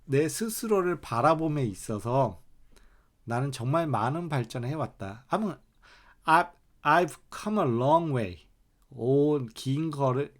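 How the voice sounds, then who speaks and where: Male English teacher, measured delivery, slows right down on example sentences. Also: fairly high pitch. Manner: explains in Korean, reads English examples slowly and deliberately. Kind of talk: online English lesson.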